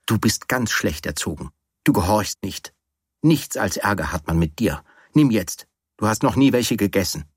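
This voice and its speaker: A man's voice: fairly low pitch, expressive, moderate pace, husky, no room sound, studio quality. A man voicing a playful, bossy young woman in an audiobook reading, with a teasing, insistent manner.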